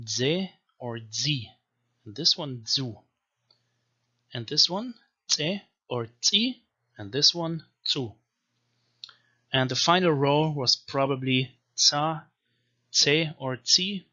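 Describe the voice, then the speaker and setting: Bright-voiced man explaining sounds slowly. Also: on the high side, highs cut off. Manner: slowly spells out syllables one by one. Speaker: language teacher. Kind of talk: explanatory video lecture.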